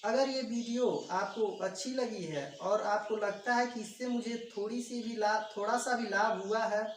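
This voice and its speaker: A grammar teacher giving an exam-prep video lesson, explaining step by step and sounding out letters slowly, addressing viewers as friends. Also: medium pitch. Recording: echoey room, distant mic, faint background hum.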